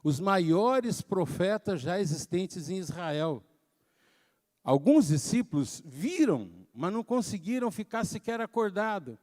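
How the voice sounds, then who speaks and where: A man preaching a sermon as pastor, telling a story in an animated way that swings from soft to shouting. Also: high voice, measured pace. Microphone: handheld microphone.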